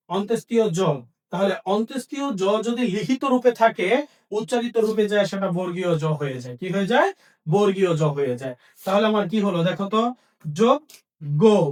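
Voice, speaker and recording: High-voiced male teacher quizzing students. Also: recorded from a distance. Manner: asks questions and answers them himself; repeats key points slowly for emphasis. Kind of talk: Bengali grammar lesson.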